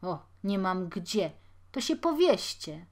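A woman's voice: medium pitch, very animated, slow. Woman reading grumpy old beggar man, stingy, mutters, grumbles, audiobook voice. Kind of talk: audiobook character voice.

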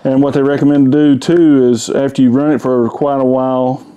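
Speaking fairly quickly in a steady, mellow, mid-range voice, a man reviews a chainsaw in his home garage. He rambles in a folksy way with plenty of fillers, picked up by a mic on the camera.

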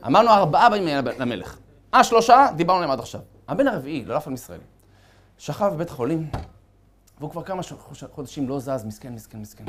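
A male rabbi giving a sermon, with animated storytelling and chuckles as he talks. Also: on the high side, a little hiss or hum. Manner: animated storytelling, acting out characters.

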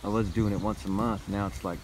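Man chatting outdoors among loud insects. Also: steady tone, a little fast, noisy background. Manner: baby talk to goats, rising high and playful. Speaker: goat keeper vlogger. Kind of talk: casual talk to animals and camera. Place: outdoor rural pasture. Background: crickets and insects in open country.

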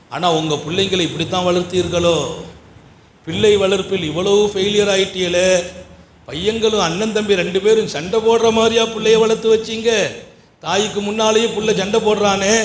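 A man giving a sermon, moving between soft storytelling and loud, rising exhortation. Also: high-pitched, echoey room, a little hiss or hum. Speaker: Islamic preacher.

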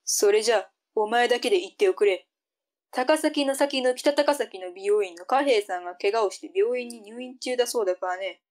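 A woman's voice: a little high, moderate pace, darkish tone, natural voice. A woman playing a strict, bossy mother in a tongue-twister audio drama. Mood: instructing.

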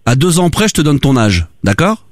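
A man's voice: a little high, big pitch swings, moderate pace, no echo, clean studio sound. A young man hosting a radio prank show, teasing and mocking the people he calls and laughing often. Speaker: radio prank-call host. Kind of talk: prank call banter.

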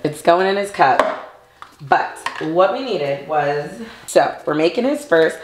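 A young woman vlogs casually from her echoey home kitchen, soft music in the background, chatting in a bubbly way and calling viewers babes and honey. She speaks slowly in a low, expressive voice, with a faint hiss or hum present.

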